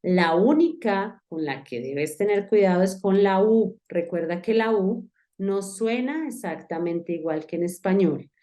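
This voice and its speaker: A woman gives an online English lesson, walking the student through each rule with patient repetition. Her voice is warm and mellow, and she speaks in a friendly, explanatory way straight to the listener. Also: mid-range voice, lively intonation, unhurried, few pauses. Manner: patient, explanatory, addresses the student directly and repeats key steps. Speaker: English teacher.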